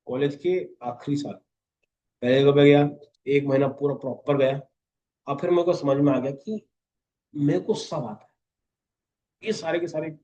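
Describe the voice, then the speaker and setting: Candid young man, lo-fi recording. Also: fairly high pitch. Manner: candid, animated anecdotes with frequent "theek hai". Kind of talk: casual storytelling.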